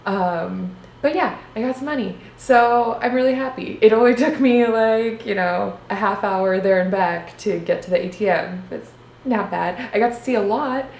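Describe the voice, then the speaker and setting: With a mid-range, slightly mellow voice at a moderate pace, a woman in her twenties rambles to a handheld camera held close in a small hotel room. Her casual vlog talk is giggly and full of fillers. The audio has a faint hiss and the roomy sound of the hotel room.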